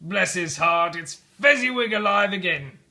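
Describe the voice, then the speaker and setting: An excitable old miser, acted by a man reading a storybook exclaims with raw feeling. His voice is raised high and forceful, full of startled emotion. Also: unhurried, full character voice. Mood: excited. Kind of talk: dramatic storybook read-aloud.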